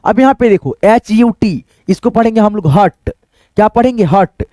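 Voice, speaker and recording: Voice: medium pitch, moderate pace, warm tone, no echo. A teacher giving a phonics lesson, repeating each word and often calling the viewers friends. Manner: repetitive, addresses viewers as friends.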